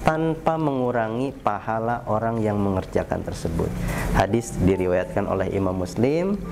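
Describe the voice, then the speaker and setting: A man in his thirties from Indonesia gives a short morning sermon at a desk, calm and unhurried, with gentle fillers. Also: fairly low pitch, creaky, background noise. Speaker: preacher and founder. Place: small indoor office studio with poster wall. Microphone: seated at desk, camera at medium distance.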